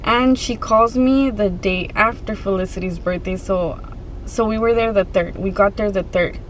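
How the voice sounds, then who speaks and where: A woman vlogger telling a personal story to her viewers in a casual, conversational way, pausing and restarting as she goes. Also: mid-range voice, a little hiss or hum, low-quality recording.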